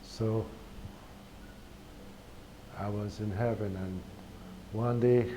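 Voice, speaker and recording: A man from Guyana with a Guyanese accent, telling a personal spiritual testimony in a slow, halting way with repeated words. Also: on the low side, steady tone, warm tone, poor audio. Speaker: speaker sharing a spiritual testimony. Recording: recorded with clear background noise.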